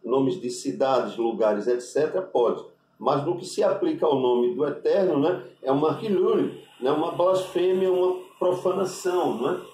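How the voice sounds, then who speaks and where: A man with a Brazilian Portuguese accent, a rabbi giving an unscripted religious lesson, deliberate and spelling out Hebrew letters with constant tag questions. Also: a little high, mellow, far from the mic, slight background noise. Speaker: rabbi teaching Hebrew names. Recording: echoey room, voice off-mic.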